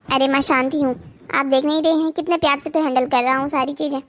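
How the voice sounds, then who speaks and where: A voice actor playing an indignant, argumentative young man in a cartoon story, protective of his sister and quick to anger. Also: very high voice, level tone, a bit bright. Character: hot-headed protective young brother.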